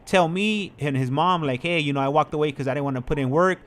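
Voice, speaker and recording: An American man hosting a channel tells personal stories casually in a slightly high, fast voice. He rambles and repeats himself, peppering his talk with filler phrases like "like" and "you know."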